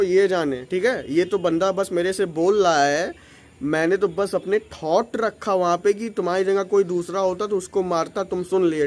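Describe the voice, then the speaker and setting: A man voicing his own cool, menacing young male alter ego, talking slow, low and threateningly. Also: natural voice.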